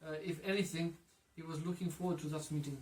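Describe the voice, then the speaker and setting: A man's voice: fairly high pitch, fairly even intonation, quick pace, a little mellow, natural voice. A man voicing an elderly Frenchman, an old friend of a general, speaking formally with an attempted French accent. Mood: courteous. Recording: echoey room, mic far off.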